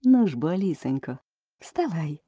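A woman doing a gentle, coaxing older sister. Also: low-pitched, very animated, moderate pace, husky, no echo, studio quality, full character voice. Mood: tender.

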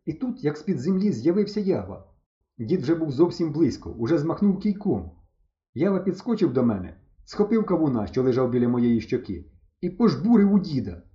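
A man reading a humorous story aloud in the first person, with lively, mock-dramatic narration. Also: on the high side. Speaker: audiobook narrator. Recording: dull lo-fi recording.

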